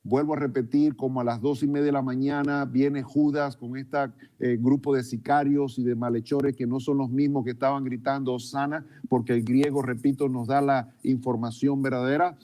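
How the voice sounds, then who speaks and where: Male preacher, sermon delivery, mellow dark tone, repeats himself for emphasis. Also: mid-range voice, flat delivery, normal speed, hardly any pauses. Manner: retelling events with acted quotes, repeating himself for emphasis.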